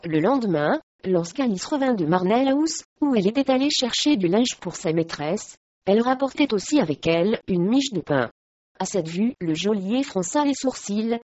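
A woman narrating a historical storybook in a steady, measured reading voice. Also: on the high side, no echo, muffled recording.

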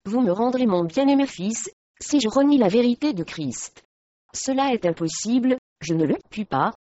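A woman reading the part of a young devout mother, anguished yet firm, speaking softly and low. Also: animated, normal speed. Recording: dry, slightly muffled recording.

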